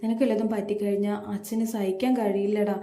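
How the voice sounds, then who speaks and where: An older father fretting loudly over his son's injury, as a woman reads his lines. The voice rises higher and louder than her narration, mellow in tone, in an echoey room. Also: level tone, fast, natural voice. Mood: worried. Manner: fretful, scolding with care.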